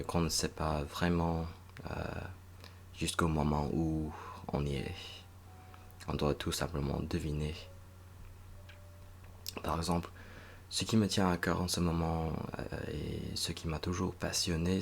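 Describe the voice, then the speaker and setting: A young man from northern Virginia, a native English speaker, talking slowly and hesitantly in a reflective monologue, with many pauses and restarts. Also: extremely low pitch, gravelly, slight background noise. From United States (northern Virginia). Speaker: recent master's graduate vlogger.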